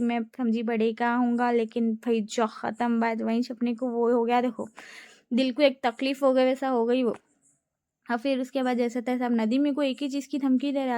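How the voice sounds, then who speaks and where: A woman's voice: fairly high pitch, a little mellow, no room sound, studio quality. A young woman narrating her family vlog in a chatty, giggly way. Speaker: family vlogger. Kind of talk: casual vlog voice-over.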